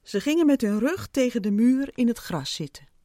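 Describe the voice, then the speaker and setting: A woman reading a storybook aloud, expressive and unhurried. Her voice sits a little high and moves a lot. The recording is close and dry. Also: dry recording. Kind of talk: storybook narration.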